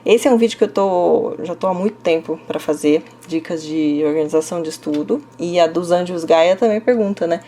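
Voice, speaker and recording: A woman's voice: fairly low pitch, fairly quick, hardly any pauses, mellow. A young woman with a São Paulo Brazilian accent, casually answering viewer comments as a Korean language teacher, full of little fillers. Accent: Brazilian Portuguese, São Paulo. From Brazil, interior of São Paulo state. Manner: chatty, frequent fillers like "né?" and "tá?", laughs a little.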